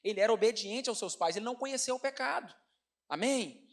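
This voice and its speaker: A Brazilian-accented male pastor tells a sermon story at a rapid clip. His voice rides high and lively, and he keeps turning to the congregation to call them brothers. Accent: Brazilian Portuguese. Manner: animated, addresses congregation as brothers.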